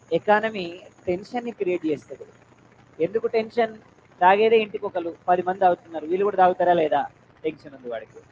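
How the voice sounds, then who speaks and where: A woman with a Telangana Telugu accent giving a classroom lecture on economics, quizzing her students and urging them to answer loudly, with English terms mixed into her speech. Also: mid-range voice, a little hiss or hum, rough recording. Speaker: economics teacher.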